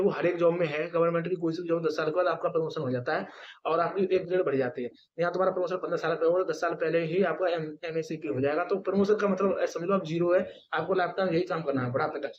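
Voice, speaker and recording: A man's voice: fairly high pitch, a little mellow, highs cut off. A man who once worked as a station master, bluntly warning viewers about the job in a casual, repetitive way with many fillers. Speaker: former station master giving career advice. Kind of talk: casual spoken advice to viewers.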